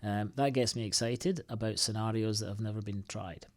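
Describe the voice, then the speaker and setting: A man from the United Kingdom, a guest on an interview show, answering in a halting, thoughtful way with many restarts and fillers. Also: fairly low pitch, steady tone. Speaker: podcast guest, IT consultancy co-founder.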